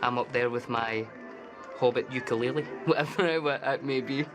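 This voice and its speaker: A man who worked as a film extra, chatting in a relaxed, amused way in an interview. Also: medium pitch, normal speed, music in the background. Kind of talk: casual interview.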